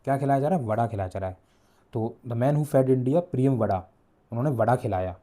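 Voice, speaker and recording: A young man teaching an exam revision lesson, explaining slowly and repeating key words as he spells out book titles and memory tricks. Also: mid-range voice, dark tone.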